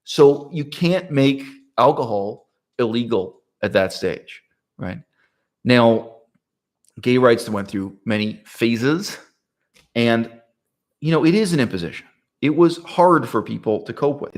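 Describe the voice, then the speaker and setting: A man talking through a political topic in a casual monologue, rhetorical and animated, often checking in with "right?" and laughing mid-sentence. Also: mid-range voice, takes it slowly. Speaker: political commentator.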